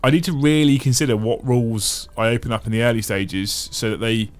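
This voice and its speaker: Brisk and fairly even in intonation, his mid-range voice comes through with no echo as he hosts a relaxed livestream. He chats, reads comments from viewers, and thinks aloud in long runs, often restarting and repeating phrases.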